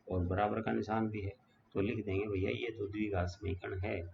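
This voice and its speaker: A man's voice: on the low side, level tone, moderate pace, creaky. A male math teacher explaining equations step by step in a casual classroom style, often checking in with his students. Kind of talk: whiteboard math lesson. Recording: dull lo-fi sound with faint background noise.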